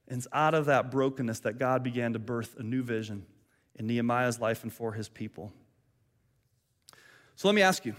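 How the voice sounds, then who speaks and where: A middle-aged male pastor preaching a sermon earnestly, swinging between fervent emphasis and soft, reflective moments. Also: medium pitch.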